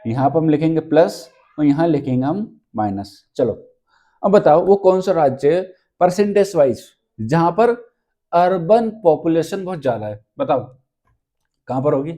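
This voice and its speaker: A man's voice: on the high side, expressive, a little slow, dark tone. A male teacher running an exam-prep lesson, asking questions and answering them himself and repeating key points.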